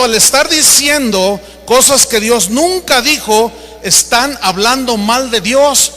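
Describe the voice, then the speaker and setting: In a reverberant hall, a pastor preaches with emphasis and dramatizes anecdotes as he speaks. His voice is extremely high, pushed and bright.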